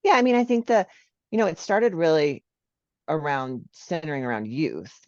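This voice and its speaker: A woman's voice: deep voice, normal speed, no echo, lo-fi sound. A woman, a social worker, talking in a casual interview and often checking in with "right?". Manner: animated, frequent "right?" tags.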